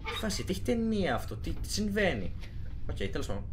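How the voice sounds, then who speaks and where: A man commenting while playing a horror video game, joking and shouting in excited reactions. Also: high-pitched, background noise. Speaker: gaming video host. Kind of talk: let's play commentary.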